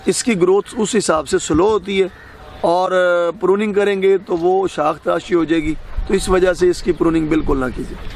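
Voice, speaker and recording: A man's voice: sits high, steady tone, gravelly, darkish tone, a little hiss or hum. A man with a Pakistani Punjabi accent, explaining crop care outdoors in an instructive, firmly corrective way. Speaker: farm expert guest. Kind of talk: explaining farming advice. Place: outdoors on a farm.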